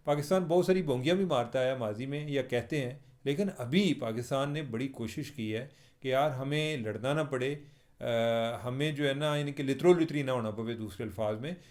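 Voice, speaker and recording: A man's voice: medium pitch, moderate pace, a little mellow. Wry Pakistani man talking to viewers. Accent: Pakistani Urdu with Punjabi touches. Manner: chatty, wry, addresses viewers directly. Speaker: journalist hosting his own channel. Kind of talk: casual spoken commentary vlog.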